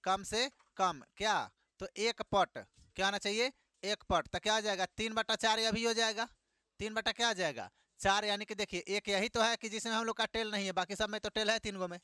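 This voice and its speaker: A man leads a classroom math lesson in a high, bright voice. He fires questions at the class and repeats every answer back to them. The sound is clean and resonant, with a dry, close feel. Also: steady tone, normal speed, clear, resonant tone, dry recording. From Bihar, India. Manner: call-and-response questioning, repeats each answer. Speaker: teacher.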